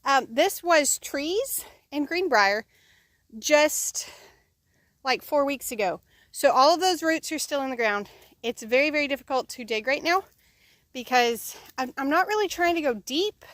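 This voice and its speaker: A woman's voice: high-pitched, lively intonation, unhurried, fairly bright tone, no echo. A woman vlogging outdoors at her chicken pen, explaining the work in a casual, chatty way with plenty of ums and uhs. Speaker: homesteading vlogger.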